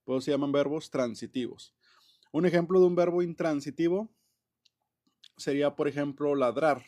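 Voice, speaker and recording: A man with a slightly high voice explains grammar to his class in a loose, friendly classroom manner. He keeps restarting his sentences and filling pauses as he goes. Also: mellow. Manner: chatty, many fillers and restarts, laughs often. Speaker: English teacher.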